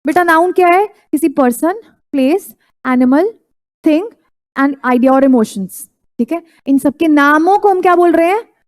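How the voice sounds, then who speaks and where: A woman with a high voice gives a classroom lecture in a mix of Hindi and English. She fires quick prompts at her students and checks that they are following. She says the key terms over and over so they stick. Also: animated, a little mellow. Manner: quizzes students with repeated prompts; repeats key terms for emphasis. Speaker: teacher.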